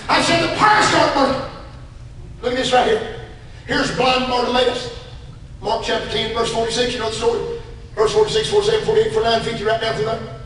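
High-voiced Southern preacher shouting in a big echoey church. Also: male voice, distant mic, slight background noise. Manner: preaching in bursts that swing from shouts to hushed asides. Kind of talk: sermon. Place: church sanctuary.

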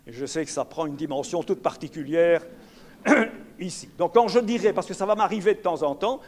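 In a lecture hall, an older man with a Belgian French accent gives a public lecture in a voice on the high side at normal speed. He is emphatic and fills his talk with rhetorical asides to the audience.

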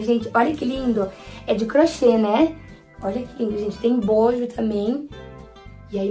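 A woman's voice: fairly high pitch, dark tone. A nineteen-year-old woman with a Brazilian accent, chatting to camera at home in a gushing, enthusiastic way. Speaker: vlogger. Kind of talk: casual chat to camera. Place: at home near her bed. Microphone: camera with ring light.

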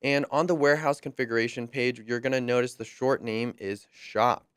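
A young man talks through a software tutorial in a smooth, clean voice, recorded close and dry. His delivery is friendly and upbeat, with a light joke now and then. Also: medium pitch, steady tone, normal speed, no room sound. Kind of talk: screen-recorded software walkthrough.

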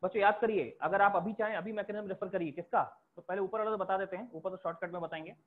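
A man's voice: high-pitched, steady tone, racing. A male chemistry teacher lecturing a class, explaining step by step and repeating key terms for students to write down. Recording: tinny phone-like lo-fi recording.

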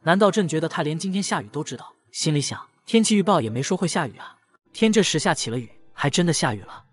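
A man narrating a comic recap in a brisk storytelling manner. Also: a little high, lively intonation, soft background music.

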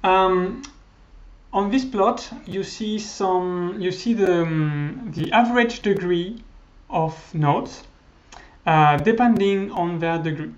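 A French-speaking man in his thirties delivers a recorded university lecture over slides in a high-pitched voice at a slow pace. He sounds hesitant, with many fillers and restarts. The audio is lo-fi and slightly dull.

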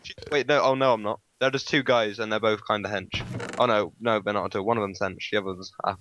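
Excitable man narrating his game. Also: fairly low pitch, fast, lo-fi sound, slight background noise. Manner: laughs a lot, excited play-by-play. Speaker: gamer. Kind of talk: casual gaming chat.

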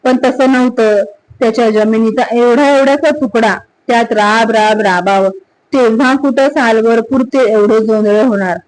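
A woman's voice: a little high, darkish tone, poor audio. A woman storyteller narrating a village folk tale expressively.

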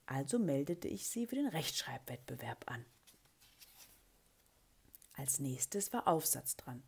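A woman reading a children's story aloud, with a breathy voice and an expressive way of giving the characters their lines. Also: very deep voice, takes it slowly. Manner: expressive, lively character voicing in quotes. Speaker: children's book reader.

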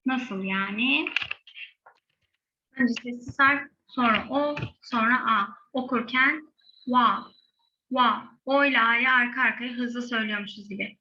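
A woman teaching Korean pronunciation, saying each sound slowly and repeating it. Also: on the high side, sharp tone, lo-fi sound, slight background noise.

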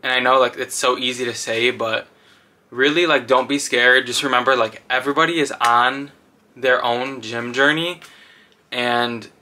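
A man's voice: medium pitch, fairly even intonation, normal speed, sharp tone, a little hiss or hum. A young man, chatting casually to the camera in a home vlog and rambling with lots of "like". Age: young adult. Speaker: vlogger. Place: home bathroom and bedroom, also car.

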